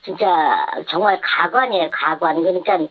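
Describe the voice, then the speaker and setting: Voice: mid-range voice, normal speed. Electronically disguised voice on a dull line. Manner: candid, matter-of-fact, short replies. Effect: voice disguised by electronic modulation for anonymity. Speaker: former travel agency head, phone-in informant. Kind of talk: news radio interview by phone.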